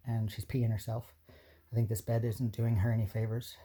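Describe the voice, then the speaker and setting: A man leaves a personal video message for his partner, near tears and rambling. He talks haltingly, with nervous little laughs and many restarts. His voice sits low and husky, with a soft, mellow tone. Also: little pitch movement.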